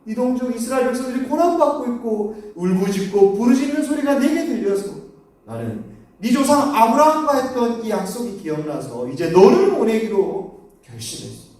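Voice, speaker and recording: A man puts on a patient, gentle God who speaks slowly and calmly, as in a children's Bible story. The voice sits fairly high and rises and falls widely. It sounds far from the mic in a very echoey church hall. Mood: calling.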